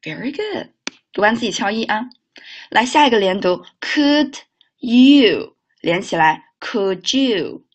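A woman teaching a live online speaking lesson. She repeats model phrases slowly and carefully, breaks into quick chatty asides, and firmly tells students off. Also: mid-range voice, expressive, slightly rough, dull audio. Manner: firm with students, mildly scolding. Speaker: English teacher.

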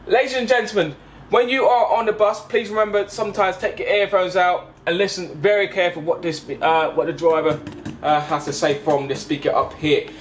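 This bus driver in his 20s has a voice that sits high, with fairly even intonation. He records a casual explanatory vlog for passengers on a handheld camera at arm's length inside a parked double-decker, halting, repeating himself, and checking in often, with vehicle noise behind him.

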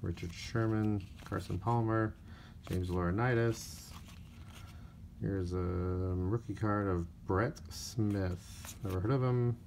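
A man's voice: lowish voice, creaky, a little hiss or hum. A man opening card packs on camera, casually talking through each one and listing player names, a little tired. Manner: unhurried, reads off player names in a flat list. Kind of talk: casual pack-opening commentary. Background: crinkling wrappers and card clicks.

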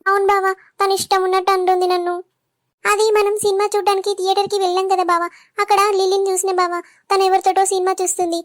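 A woman voices a weepy young wife in a comedy skit, her voice pitched extremely high and kept flat. She whines and pleads quickly in Telangana Telugu. The sound is close and dry. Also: no room sound. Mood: hurt, complaining. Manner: whiny, complaining, pleading. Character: sulky weepy young wife, easily hurt.

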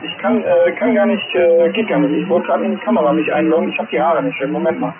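Fast-talking man over cb radio. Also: fairly high pitch. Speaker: CB radio operator. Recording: tinny CB radio, static noise.

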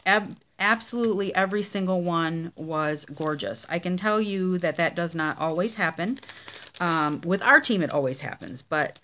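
A woman's voice: on the low side, moderate pace, sharp tone, a little hiss or hum. A woman casually showing handmade cards in a craft vlog, chatty and gushing over each one. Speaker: craft demonstrator showing card swaps.

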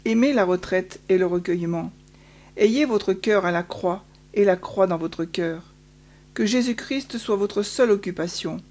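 Une femme lisant un petit garçon doux et consolateur. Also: female voice, medium pitch, a little slow, darkish tone, natural voice. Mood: gentle, consoling. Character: radiant gentle little boy, calm and consoling.

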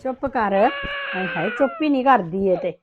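A woman's voice: high-pitched, wildly swooping pitch, normal speed. A woman playing an older aunt who complains and scolds while minding a crying baby. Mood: fretful. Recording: dull lo-fi sound with crowd noise.

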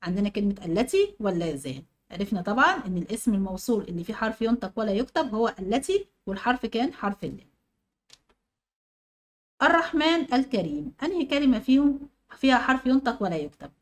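A woman's voice: fairly high pitch, big pitch swings, rapid-fire, few pauses. A young woman teacher with an Egyptian accent explaining a grammar exercise step by step and putting questions to her pupils. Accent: Egyptian Arabic. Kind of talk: online grammar lesson.

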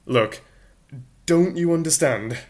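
A man with a mid-range voice reads a storybook at a slow, animated pace. He voices a flustered, indignant Englishman lying in the mud, who speaks in sarcastic, exasperated bursts.

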